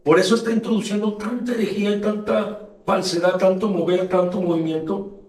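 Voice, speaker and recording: With a high-pitched, slightly mellow voice that stays steady and moves a little fast, a male pastor and radio show host reads scripture in a fervent, emphatic preaching style. The studio recording has roomy echo, and he sits some distance from the mic.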